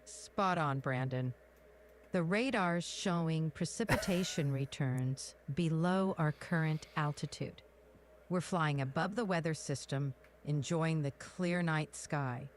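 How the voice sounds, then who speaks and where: A synthetic woman's voice acting as an AI copilot, giving smooth, polished scripted replies. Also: sits low, takes it slowly, slight background noise.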